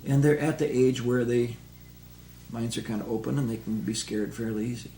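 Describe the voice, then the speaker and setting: A man in an archival clip explaining things in a halting way with many fillers. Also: mid-range voice, steady tone, warm tone. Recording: distant, echoey archive recording with hum.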